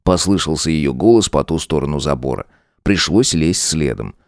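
Male narrator, low voice, lively intonation, dramatic audiobook reading. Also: normal speed, no room sound, clean studio sound. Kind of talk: scripted narration.

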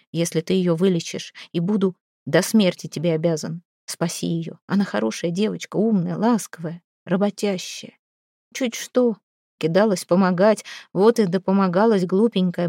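A woman voicing a gruff, grieving male village head who talks in a low, slow, heavy rumble. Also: warm tone, no room sound, studio quality, close to an everyday voice.

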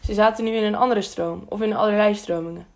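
A woman reading a children's adventure audiobook in a steady, expressive storytelling voice. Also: mid-range voice, fast. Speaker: audiobook narrator. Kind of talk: audiobook narration.

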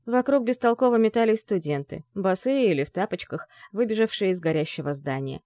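A woman's voice: medium pitch, animated, brisk, dark tone, dry recording. A woman narrating an audiobook expressively, raising her voice for urgent dialogue. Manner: reads dialogue in raised, urgent tones.

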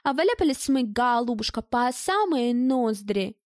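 A woman reading an audiobook and voicing a sharp-tongued, sardonic woman who speaks with biting scorn. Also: fairly high pitch, lively intonation, measured pace, no room sound, clean studio sound. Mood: scornful.

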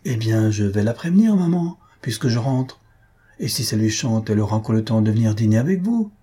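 A man voicing a breezy young husband who talks briskly and teasingly, always in a hurry. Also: lowish voice, very animated, mellow, breathy edge.

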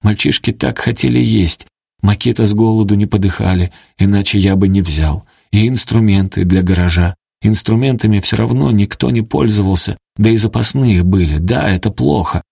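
A man voicing a beaten middle-aged man who begs and pleads desperately, his voice rising high. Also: normal speed, gravelly, darkish tone, slightly rough, dry recording, clean studio sound. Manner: desperate, begging, voice breaking upward. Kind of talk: audiobook character voice.

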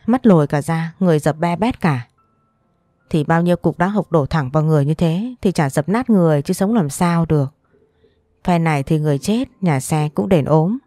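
A woman's voice: fairly low pitch, warm tone, no room sound, clean studio sound, close to an everyday voice. A woman voicing an older village woman gossiping grimly about a fatal accident in an audio story. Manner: gossipy, grim chatter.

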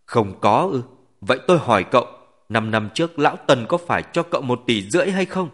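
A man voicing a scornful, sharp-tongued middle-aged mother in an audiobook, mocking and accusing. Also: mid-range voice, sing-song, normal speed.

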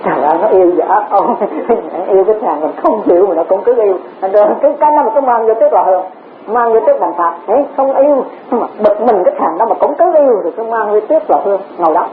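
On a tinny tape with a faint hiss, a woman teacher delivers a Dharma talk in an animated, mid-range voice at a quick pace. Her style is repetitive and full of rhetorical questions and frequent chuckles.

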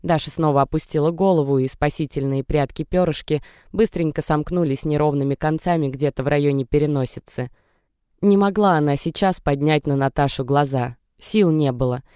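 Smooth, mellow audiobook narrator. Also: mid-range voice, fairly quick, no room sound, clean studio sound. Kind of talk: scripted narration.

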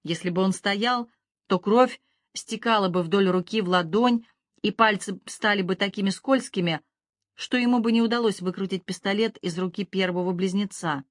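Woman reading a thriller audiobook, steady pace, dry close mic. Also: mid-range voice, moderate pace, no echo. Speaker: audiobook narrator. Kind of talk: scripted narration.

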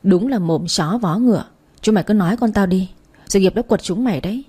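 A woman's voice: mid-range voice, a little fast, dark tone, husky, lightly acted. A woman voicing an older mother who fiercely defends her daughter, bitter and grieving. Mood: indignant.

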